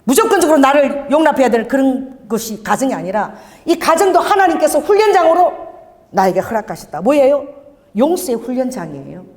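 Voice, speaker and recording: Woman pastor, middle-aged, preaching sermon, call-and-response, laughing asides, higher voice, long church reverb. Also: very animated, brisk, darkish tone. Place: church sanctuary.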